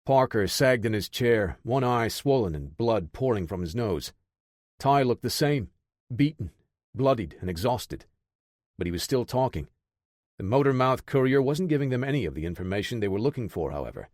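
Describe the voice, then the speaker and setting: A man narrating an action audiobook in a steady, dramatic storytelling manner. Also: medium pitch, moderate pace, no room sound, clean studio sound. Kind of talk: scripted narration.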